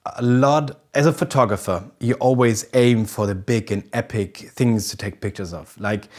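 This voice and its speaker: Speaking at a moderate pace in a low, slightly mellow voice, a German man in his thirties delivers a casual photography tutorial to camera in English, accented and not his first language. The setting is an indoor studio kitchen with festive decorations, and he comes across as eager, repeatedly restarting while looking for words.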